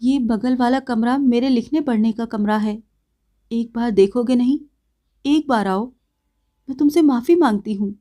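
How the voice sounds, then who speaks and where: A woman's voice: a little high, measured pace, dark tone, natural voice. A woman voicing a proud young woman with a raised, emphatic delivery in a read-aloud story. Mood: pleading. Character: proud young woman, teasing then pleading.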